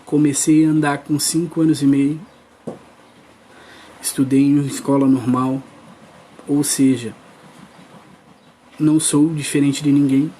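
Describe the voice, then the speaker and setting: Male preacher, earnest testimony delivery, pitched slightly high, mellow tone. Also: flat delivery, a little slow, long pauses, husky. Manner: earnest, addresses the crowd directly. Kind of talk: testimony sermon.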